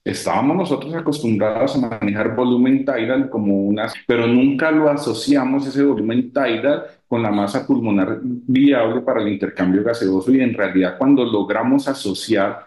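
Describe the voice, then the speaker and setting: A man lectures in a measured, explanatory way, pausing to think, over a video call that keeps glitching and cutting out. His voice echoes around a bare room, and the connection leaves it choppy. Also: mid-range voice, darkish tone. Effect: choppy, breaking-up call audio. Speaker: lecturer at a medical academic week.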